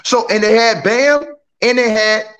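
Sports debate panelist: man, strikingly high pitch, loud and opinionated, needling his opponents. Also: a little slow.

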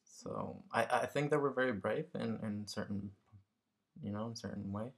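Man, from Mexico, low pitch, creaky fry, casual reflective talk, tentative phrasing. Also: normal speed. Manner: tentative, searching for words, often tags statements with "right?". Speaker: interview guest.

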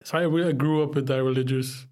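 A man's voice: medium pitch, fairly even intonation, fast talker, darkish tone. Young man from Pakistan, reflective. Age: young adult. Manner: reflective, laughs often. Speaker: podcast guest. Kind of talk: casual conversation.

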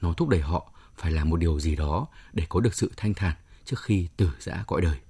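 Deep, mellow, husky male commentator. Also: animated, quick pace. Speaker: programme editor giving commentary. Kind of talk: scripted literary commentary.

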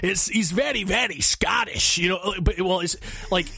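A man's voice: high voice, normal speed, vocal fry, husky, no room sound, studio quality. A young man co-hosting a casual gaming chat, rambling and swearing freely. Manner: rambling, profane, animated. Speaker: podcast co-host.

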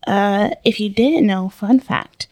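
A woman's voice: mid-range voice, slow pace, a little mellow, dry recording, studio quality. A young woman hosting a casual chat with friends, giggly and bursting into sung lines. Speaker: podcast host.

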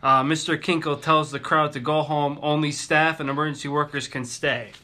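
A man co-hosting a casual podcast, summarizing an episode's plot with small pauses and restarts. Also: fairly high pitch, fairly even intonation, pushed and bright. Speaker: podcast co-host. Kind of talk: casual recap chat.

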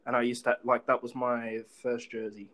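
An Australian man hosts a casual sports chat. His mid-pitched voice stays fairly level in intonation, and he talks informally, as one fan to another. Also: level tone, normal speed, fairly bright tone. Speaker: podcast host.

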